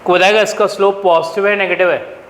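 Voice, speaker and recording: This math teacher, a high-pitched man with an Indian accent, talks fast in a steady, fairly bright tone. He quizzes the class and answers for them, his voice echoing with a long tail through a roomy space over a faint ambient hum.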